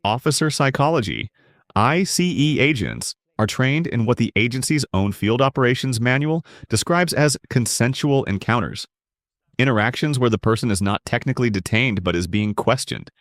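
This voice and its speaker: A man giving scripted narration that explains legal rights in a measured, emphatic way. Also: mid-range voice, lively intonation, no echo, clean studio sound.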